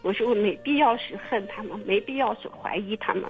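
A woman telling her own story in casual testimony, halting and repeating her words with many fillers. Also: mid-range voice, faint music behind. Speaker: testimony guest. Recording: muffled phone-line radio recording.

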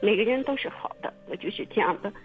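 A halting woman over a phone line. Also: mid-range voice, animated, soft background music. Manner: halting, repeats words, many fillers. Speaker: testimony guest. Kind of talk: casual personal testimony. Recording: muffled phone-line radio recording.

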